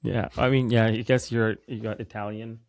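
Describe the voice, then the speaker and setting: A man co-hosting a casual podcast, talking in a slow, laid-back way. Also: lowish voice, flat delivery, no room sound, studio quality. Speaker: podcast co-host. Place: home setup in Amsterdam.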